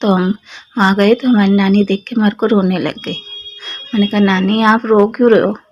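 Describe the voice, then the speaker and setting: A young woman with a Delhi Hindi accent tells a devotional testimony in a fervent, personal way, speaking straight to the congregation. Her throat is slightly sore, which adds a little roughness to her voice. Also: mid-range voice, fairly even intonation, normal speed, dull audio. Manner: addresses listeners as sangat ji, fervent and personal. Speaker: devotee sharing satsang experience.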